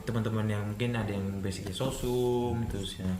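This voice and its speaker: A man's voice: fairly low pitch, fairly even intonation, fairly quick, roomy sound, background noise. A man hosting a casual interview, asking chatty questions and laughing easily. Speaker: host. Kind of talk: casual chat.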